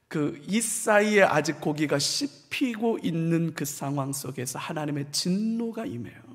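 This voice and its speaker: A high-voiced male pastor preaches a midweek Bible lecture, telling the story with lively humor and dropping now and then to hushed asides. His voice rings through the long reverb of a large church hall.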